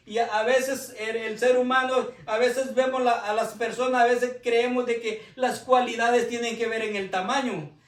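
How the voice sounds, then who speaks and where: A man preaching a sermon, earnest and building to emphasis, often addressing the congregation as brothers and sisters. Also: very high-pitched. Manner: earnest, with rising emphasis and frequent "mis hermanos". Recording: echoey room, heard from a distance.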